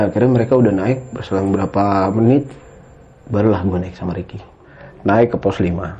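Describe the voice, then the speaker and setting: A guest in a casual chat, this man speaks in a lowish, dark voice while telling a rambling story. "Gitu ya kan" keeps popping up at the ends of his sentences and he addresses the listener as "Bang"; the dull lo-fi audio carries a little hiss or hum.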